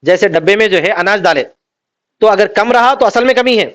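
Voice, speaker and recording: A man teaching Islamic law, reading out Arabic text and then explaining it by asking and answering his own questions. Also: high-pitched. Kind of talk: classroom lecture. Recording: dull lo-fi recording.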